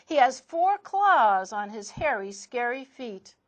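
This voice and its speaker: A woman reading a picture book aloud to children in an expressive storytelling manner. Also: on the high side, takes it slowly. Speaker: storytime reader.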